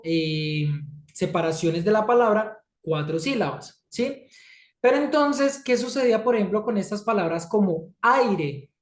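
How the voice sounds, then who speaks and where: A woman teaching an English class, who keeps checking in with her students. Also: mid-range voice. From Colombia. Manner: checks in often with "¿sí?" and "¿listo?". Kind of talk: classroom lesson. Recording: echoey room.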